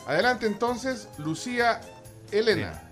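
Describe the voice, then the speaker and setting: A man's voice: sits high, sing-song, a little slow, music in the background. A man hosting a morning radio show, joking and laughing with his co-hosts as he introduces listeners' jokes, with speech. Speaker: radio host. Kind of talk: lively morning radio banter.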